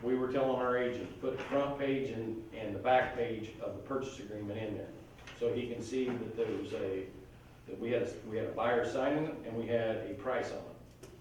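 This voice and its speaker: A man's voice: medium pitch, fairly even intonation, moderate pace, slight background noise. A man giving casual real estate training, folksy and full of anecdotes. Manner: folksy, conversational, tells anecdotes. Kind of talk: casual classroom training talk. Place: training room. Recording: echoey room, mic far off.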